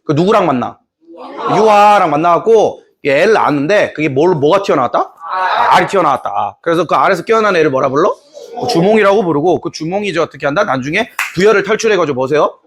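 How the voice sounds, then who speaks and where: A man teaching history in a lively lecture, playfully acting out scenes from the story. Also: a little high, fast, crowd noise. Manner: animated storytelling, playful, voices characters.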